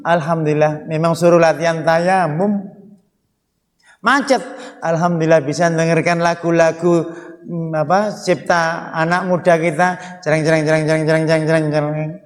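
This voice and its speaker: Fairly high-voiced male preacher, animated joking sermon, lingering hall echo. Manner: animated, joking, lively swings of tone. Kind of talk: humorous sermon. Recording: long hall reverb.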